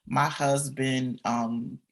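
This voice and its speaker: A woman's voice: very deep voice, steady tone, drawn-out words. Earnest woman counselor on a podcast. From Michigan. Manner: earnest, encouraging, lists things off. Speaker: licensed counselor, podcast guest. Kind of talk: casual interview talk.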